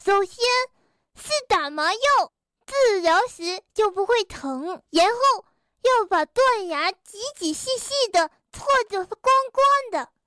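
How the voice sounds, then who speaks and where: A woman's voice: extremely high pitch, lively intonation, slow, sharp tone, dry recording, studio quality, voice pushed up, heavily acted. A woman voicing a cheerful, proud male beaver dentist in a children's storybook, speaking in a bouncy, beaming way. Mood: explaining. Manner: bouncy, beaming, rhyming patter.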